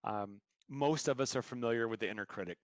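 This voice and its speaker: A man's voice: medium pitch, quick pace, no room sound. A man being interviewed as a coach, explaining his ideas earnestly through stories and examples. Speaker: guest coach. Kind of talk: podcast interview answers.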